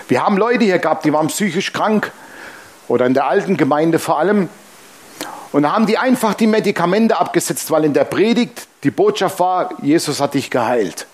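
A man preaching to his congregation as pastor, blunt and colloquial, acting out the voices in the stories he tells. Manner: animated storytelling, acting out dialogue with shifting pitch. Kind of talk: sermon.

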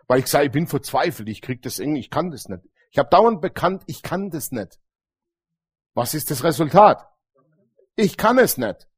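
A man's voice: a little high, husky. A middle-aged man preaching a sermon, telling stories animatedly and calling out Amen to the congregation. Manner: animated, storytelling, frequent Amen calls to the congregation.

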